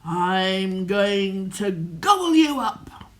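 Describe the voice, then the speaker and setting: Granny doing a grumpy mean troll, slow loud growly voice, kinda rough sounding. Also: female voice, mid-range voice, sing-song. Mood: grumpy, menacing. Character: grumpy mean hungry male troll under bridge.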